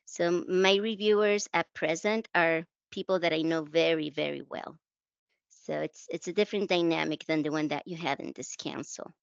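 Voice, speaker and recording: A woman's voice: deep voice, fairly even intonation, moderate pace, creaky, smooth, no room sound, highs cut off. A woman from the Canary Islands, speaking English as a second language with a Spanish accent, telling stories about her work in a reflective, self-deprecating way. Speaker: guest translator. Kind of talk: conversational interview.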